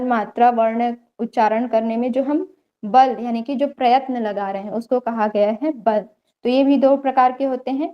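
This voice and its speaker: A woman's voice: a little high, mellow, muffled recording. A young woman teaching an online yoga theory class, explaining step by step and checking in often with her students. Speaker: yoga lecturer.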